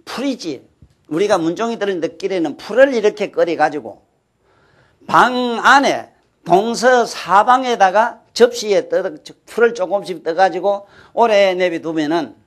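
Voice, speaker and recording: An older man with a Gyeongsang Korean accent giving a folksy lecture, often checking with his listeners and posing rhetorical questions. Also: sits high. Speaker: folk-culture lecturer. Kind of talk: lecture to an audience.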